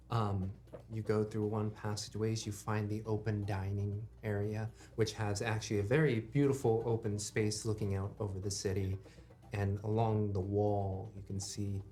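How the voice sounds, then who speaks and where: A game master improvising narration for a tabletop role-playing game, haltingly and thinking aloud. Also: deep voice, warm tone.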